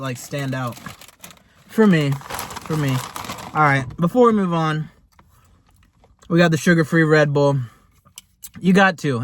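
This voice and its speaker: A man giving a casual, rambling food review in a laid-back, chatty way, as host of a taste test. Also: fairly high pitch. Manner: rambling, laid-back, hesitant phrasing with lots of "like".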